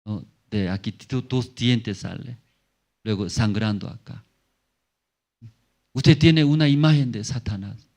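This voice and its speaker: A man preaching a sermon as pastor, in simple, halting phrases with many tag questions, swinging between emphatic high bursts and low murmurs. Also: vocal fry, darkish tone. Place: church.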